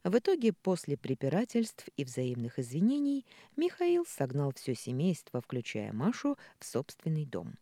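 An audiobook reader narrating a story in an expressive storytelling manner. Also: medium pitch, normal speed, few pauses, dry recording. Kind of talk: scripted narration.

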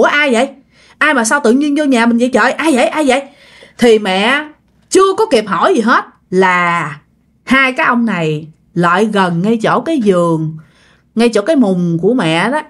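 Woman, Southern Vietnamese accent, mid pitch, casual ghost-story narrator who chats with her audience. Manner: chatty, talks straight to listeners with drawn-out particles.

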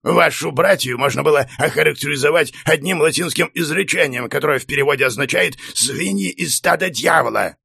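A man's voice: on the high side, fairly quick, vocal fry, hardly any pauses, sharp tone, slightly rough, no room sound, studio quality, exaggerated voice. A man voicing a bullying, sarcastic middle-aged professor who growls and mocks. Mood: mocking.

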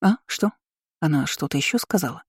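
A reader voicing a flustered young woman heroine in an audiobook, protesting quickly and defensively. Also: medium pitch, lively intonation, husky, no room sound, studio quality. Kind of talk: audiobook role reading.

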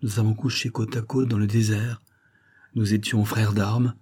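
An earnest young cavalry captain speaks low and urgently, confiding a grave warning, as a man reading the tale plays him. His voice is deep and husky. It is a storybook reading. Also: flat delivery, moderate pace, a little mellow.

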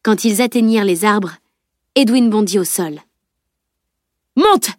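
A woman narrating an audiobook novel with a steady, even reading. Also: medium pitch, normal speed, no room sound, clean studio sound. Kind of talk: scripted narration.

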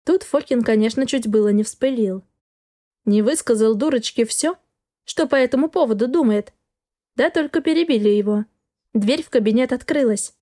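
A woman reading an audiobook as narrator, in expressive scripted narration. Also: fairly high pitch, moderate pace.

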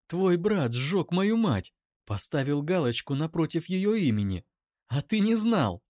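A man's voice: fairly high pitch, very animated, measured pace, darkish tone, no room sound, studio quality, pitched above the performer's own voice. A man voicing a furious young woman who screams accusations in a raised voice.

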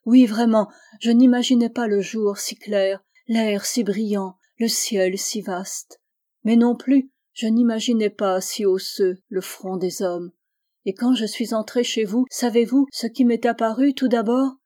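A woman's voice: fairly high pitch, steady tone, measured pace, dark tone, natural voice. A woman voicing an anguished, fervent young woman who was once blind, speaking with pleading intensity that rises to vehemence, in an audiobook. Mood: vehement.

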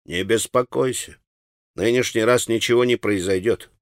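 A man's voice: fairly low pitch, moderate pace, no room sound, clean studio sound, close to an everyday voice. A man voicing a self-assured, mocking teenage boy in an audiobook. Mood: cocky. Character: cocky clever teenage boy, bossy.

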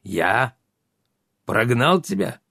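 A man's voice: medium pitch, sing-song, drawn-out words, vocal fry, bright, forceful tone, dry recording, studio quality, full character voice. A man voicing a touchy, grumpy old wizard who scolds his apprentice in theatrical outbursts. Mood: indignant.

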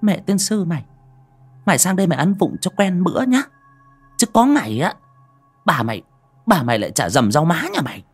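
A man voicing a frantic village mother, calling out and crying in high shrill cries. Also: sing-song, fairly quick, pauses often, slightly rough, soft background music. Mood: scolding.

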